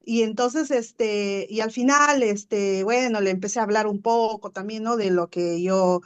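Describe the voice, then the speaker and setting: A woman's voice: mid-range voice, unhurried, clear, resonant tone. Chatty woman full of fillers. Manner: chatty, heavy on fillers and tag questions; animated, acts out sounds. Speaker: guest. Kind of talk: casual storytelling.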